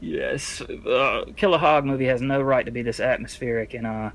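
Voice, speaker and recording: A man's voice: medium pitch, brisk. A man casually reviewing horror movies in a rambling, jokey, slangy way with heavy cursing. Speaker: horror film collector presenting a video.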